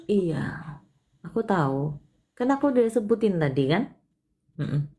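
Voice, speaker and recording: A woman's voice: on the low side, big pitch swings, measured pace, dark tone. A woman hosting a palm-reading live stream, speaking in a tender, coaxing way. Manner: coaxing, tender, calls the caller "sayang".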